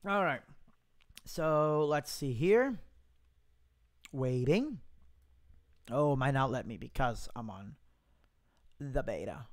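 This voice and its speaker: A man presenting a software demo in a casual live tutorial, informally thinking aloud into a close mic with popping plosives. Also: mid-range voice, expressive, slow pace, pauses often. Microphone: close mic without pop filter, popping plosives.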